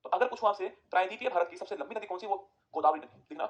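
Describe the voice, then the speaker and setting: A man teaching an exam-prep geography lesson, firing quick questions at students and answering them himself. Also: high voice, lo-fi sound.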